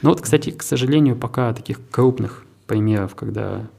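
A man with a low, gravelly, husky voice of dark timbre answers interview questions. He heads a tech park and speaks in a measured, businesslike way, sometimes restarting his phrases.

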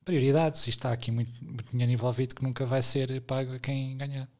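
A man's voice: mid-range voice, flat delivery, quick pace, a little mellow. This man speaks with a European Portuguese accent. He co-hosts a casual podcast, and his talk is playful and rambling, often poking fun at himself. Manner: playful, rambling, self-mocking. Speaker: podcast co-host.

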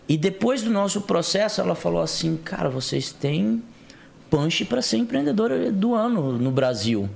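A man explaining business matters in a measured way on a casual podcast. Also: high voice, sing-song, gravelly, a little mellow. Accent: Brazilian Portuguese. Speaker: guest, co-founder.

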